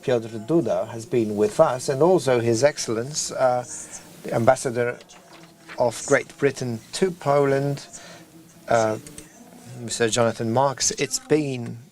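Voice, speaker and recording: A man hosting an event, giving a formal podium speech of introductions in a halting, hesitant way. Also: medium pitch, a little mellow. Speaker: event host introducing speakers.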